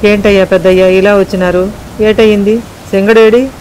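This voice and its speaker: A woman's voice: mid-range voice, flat delivery, moderate pace, darkish tone, slight background noise, lightly acted. A woman voicing a worried poor fisherwoman mother, pleading anxiously about her son.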